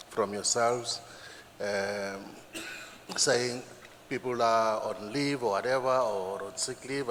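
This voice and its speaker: A man's voice: medium pitch, fairly bright tone. A man in an audience, asking a hesitant, frustrated question with many restarts. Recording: echoey conference hall, faint noise.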